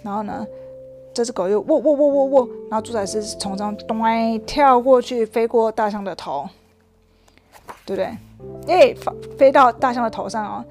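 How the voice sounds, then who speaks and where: A woman narrates a picture book aloud to a child in an animated, playful way, tossing in sound effects as she goes. Her voice sits somewhat high. Faint music plays softly behind her. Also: moderate pace. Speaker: storyteller.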